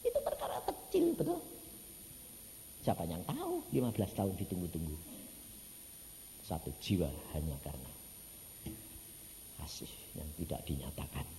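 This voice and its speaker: A man preaching a sermon in an animated, storytelling way, acting out the voices of the people in his stories and swinging from loud to soft. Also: sits low, normal speed, vocal fry, long pauses, slight background noise. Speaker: evangelist preacher. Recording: church hall reverb, faint ambience.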